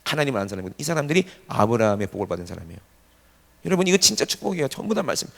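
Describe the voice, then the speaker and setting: A man preaching a revival sermon to a congregation, animated and often shouting, firing off rhetorical questions. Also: medium pitch, rapid-fire, gravelly. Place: church sanctuary. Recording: reverberant church hall.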